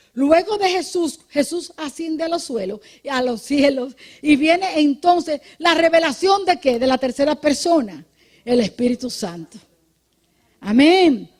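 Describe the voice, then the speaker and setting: This is a woman pastor giving a midday sermon in church, explaining doctrine in a chatty, teacherly way. Her voice sits a little high yet sounds mellow and soft-edged. She keeps checking in with the congregation and punctuates points with amen, sometimes restarting a word. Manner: conversational teaching, checks listeners with "¿ok?" and "amén"; repeats and restarts words when thinking. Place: church service.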